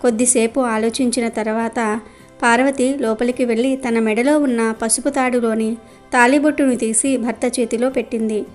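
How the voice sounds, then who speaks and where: A woman narrating a devotional story in a steady, gentle way. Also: fairly high pitch, moderate pace, soft background music.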